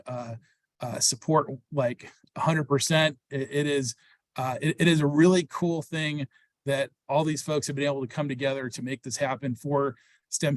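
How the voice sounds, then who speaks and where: A man hosting an online webinar, talking fast and upbeat with frequent fillers over a video call. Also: medium pitch, no room sound. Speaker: program host. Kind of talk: webinar presentation.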